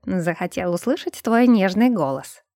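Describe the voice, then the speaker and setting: A woman's voice: medium pitch, animated, normal speed, mellow, no room sound, studio quality, close to an everyday voice. A woman reading the part of a cheeky, teasing hyena-man who talks on the phone.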